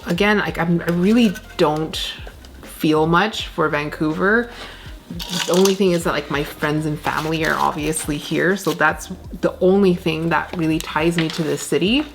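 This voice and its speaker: A woman's voice: sits low, moderate pace. A woman, chatting casually while repotting plants at home, rambling with lots of fillers. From Canada. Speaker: plant vlogger. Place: indoor plant room, shelves of plants. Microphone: camera on desk, medium framing.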